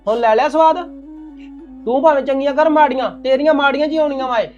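A man acts out a stern young husband in a family drama, reproachful and quick to blame. He speaks rapidly in a high voice. The sound is dull and lo-fi with music behind. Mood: scolding. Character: stern young husband scolding his new wife.

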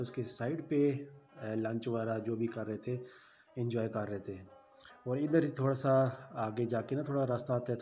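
A man's voice: medium pitch, mellow. A man giving a casual travel voice-over, chatty and full of route tips for viewers. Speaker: travel vlogger.

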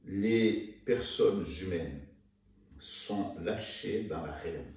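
An older man from Rwanda, an author, talking about his book in an interview with hesitant pauses and repeated words. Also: sits low, darkish tone. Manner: slow, hesitant, repeats words while searching. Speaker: author and guest. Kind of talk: conversational interview. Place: indoor room, seated in armchair. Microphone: far camera. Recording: echoey room, mic at a distance, faint noise.

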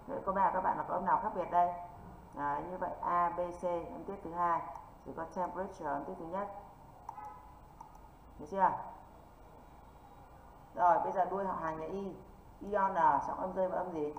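Speaking in a steady tone, a woman from northern Vietnam leads an online exam-prep English lesson, drilling rules and firing quick check-in questions at her students. Her voice is slightly low, and the audio is echoey and dull with a faint hiss.

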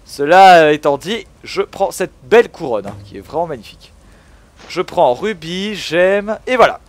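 A man giving excitable gameplay commentary, swearing and shouting at the game as he plays. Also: high-pitched, moderate pace. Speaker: gaming video host.

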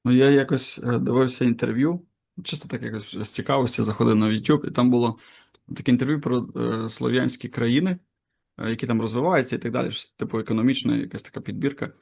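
Gravelly-voiced male interviewer, casual and curious. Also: medium pitch, quick pace, a little mellow. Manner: casual, curious, shares personal anecdotes. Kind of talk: conversational interview.

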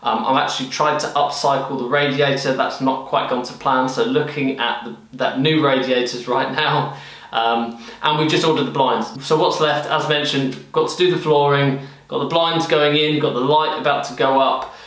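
A man's voice: mid-range voice, fairly even intonation, a bit bright. Chatty young British man in an echoey room. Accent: British English. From United Kingdom. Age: young adult. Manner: chatty and self-deprecating, with quick asides. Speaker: property renovation vlogger. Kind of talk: casual DIY update to camera. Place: half-renovated room indoors. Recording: roomy echo of a bare room.

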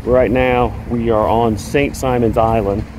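A man's voice: medium pitch, steady tone, unhurried, background noise. A man narrating a sailing vlog from his boat, talking casually and rambling a little with fillers. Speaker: sailing vlogger. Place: on a sailboat at sea.

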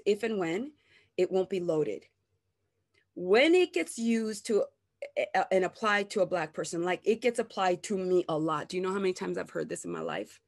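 A woman hosting her own channel, talking in a candid, unscripted rant. She swears freely and acts out other people's remarks in exaggerated voices. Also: medium pitch. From grew up partly in the United States. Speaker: host of a self-help channel. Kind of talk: casual unscripted rant to camera.

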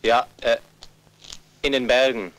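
A man's voice: mid-range voice, fairly even intonation, takes it slowly, a bit bright, poor audio. A man dubbing a young adult younger brother, earnest and insistent, protective of his family. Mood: calm. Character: protective younger brother, a fighter back home. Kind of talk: German film dub.

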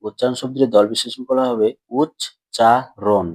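A man teaching grammar to schoolchildren, patiently asking questions and answering them himself, and slowly stretching words out as he splits syllables. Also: mid-range voice, darkish tone, no echo. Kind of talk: classroom lesson explanation.

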